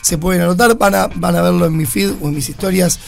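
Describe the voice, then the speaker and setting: Gravelly man with music behind. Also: high voice, steady tone, fast talker. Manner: chatty, restarts words often. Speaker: guest bartender. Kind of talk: casual radio chat.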